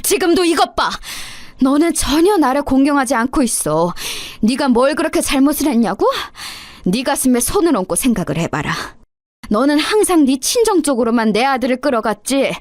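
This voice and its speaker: A woman's voice: high-pitched, big pitch swings, normal speed, a little mellow, dry recording, studio quality. Woman doing a scolding older mother-in-law. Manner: scolding, accusing.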